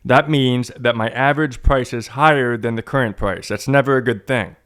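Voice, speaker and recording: A man's voice: mid-range voice, normal speed, a bit bright. Chatty man, wry finance walkthrough. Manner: chatty, wry and self-mocking. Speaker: personal finance YouTuber. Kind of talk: casual screen-share walkthrough.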